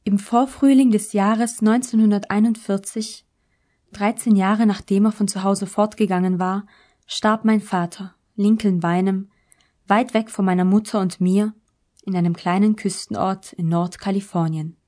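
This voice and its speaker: A woman narrating a literary novel in the first person, in a measured, calm audiobook reading. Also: medium pitch.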